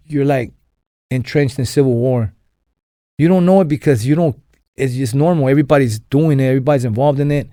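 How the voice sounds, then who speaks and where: The clean, echo-free studio sound captures a medium-pitched, dark-toned male voice. He's a young guy from Los Angeles recounting his story on a podcast, wandering through it with fillers and restarts in a casual interview.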